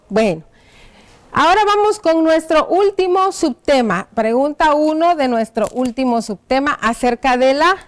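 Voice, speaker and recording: A woman teaching a primary school lesson on TV, talking slowly and patiently and spelling out each word as she writes, checking in with the children. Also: sits high. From Mexico. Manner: asks the pupils rhetorical check-in questions. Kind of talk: classroom lesson on TV.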